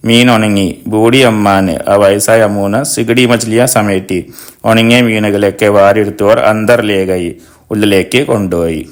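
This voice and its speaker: A middle-aged male teacher with a Malayali accent, reading a folk tale line by line and translating each word for his pupils. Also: on the low side.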